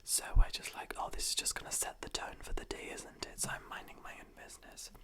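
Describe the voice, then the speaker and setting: A man's voice: fairly quick, bright, forceful tone. Man whispering gossip in an ASMR role-play. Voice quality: breathy, mostly unvoiced whisper. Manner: gossipy, confiding storytelling in a whisper. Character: confiding best friend spilling workplace gossip. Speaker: ASMR performer playing a gossiping best friend.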